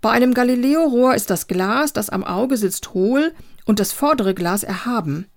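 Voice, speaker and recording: A woman's voice: fairly high pitch, animated. Awkward young guy, earnest, stumbling over his words as a woman reads him. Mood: explaining. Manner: halting, hesitant. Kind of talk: reading a novel aloud.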